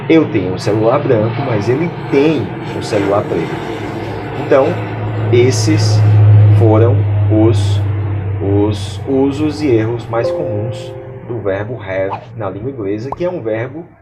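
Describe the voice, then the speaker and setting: Background noise sits under this English grammar lesson from a Brazilian Portuguese-speaking man. He explains clearly in a lowish voice and reads the example sentences slowly.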